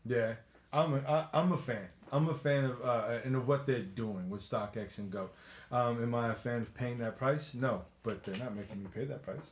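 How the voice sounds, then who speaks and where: Male co-host with an accent, relaxed and chatty, recorded in an echoey room, mid-pitched voice. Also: moderate pace. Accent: noticeable accent. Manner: easygoing, laughs often, restarts phrases. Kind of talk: casual chat.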